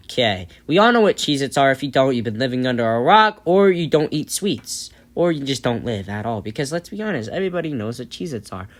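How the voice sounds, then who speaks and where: A young man rambles through a casual vlog, chatty and loose with plenty of fillers. His pitch swings lively up and down. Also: fairly quick. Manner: rambling and chatty, often laughing, many fillers. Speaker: vlog host. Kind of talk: casual storytime chat.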